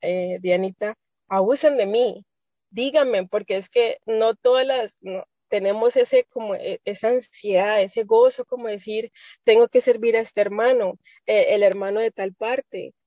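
A woman's voice: medium pitch, a little slow, no room sound. An earnest woman shares a rambling church testimony, often restarting her sentences. The sound is dry and close. It comes over a muffled, lo-fi video call. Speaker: church member sharing testimony. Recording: dull lo-fi video call audio.

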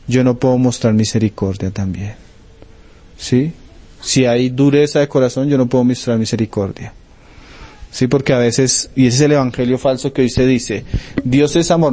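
A man's voice: mid-range voice, dark tone. A man preaching a sermon in a conversational teaching manner, often stopping to ask his listeners if they follow. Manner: conversational, asks frequent checking questions.

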